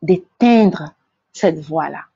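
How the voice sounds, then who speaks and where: A woman's voice: sits low, animated, drawn-out words, gravelly, dark tone, slightly rough, no echo, dull audio. A woman from Togo, hosting a faith-based inspirational talk. She speaks earnestly, repeats her key phrases and stumbles over repeated words. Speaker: host, motivational speaker.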